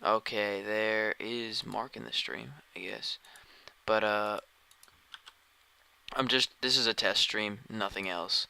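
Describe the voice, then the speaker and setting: Low, gravelly yet smooth, his voice stays steady and slow with a bright, forceful tone. The weary streamer offers casual commentary on his game, rambling and thinking aloud as he goes.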